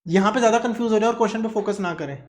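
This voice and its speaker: A man's voice: sits high, rapid-fire. Guy teaching accounts, throws questions at the class then answers them himself. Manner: mixes Hindi with English terms. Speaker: commerce teacher. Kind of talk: classroom lecture.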